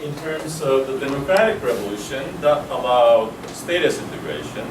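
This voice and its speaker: A man's voice: mid-range voice, animated. Man, lecturer, emphatic list-building delivery, roomy echo, air conditioning hum. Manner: measured, emphatic lecturing with lists. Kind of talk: university lecture. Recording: echoey room, distant mic, air conditioning hum.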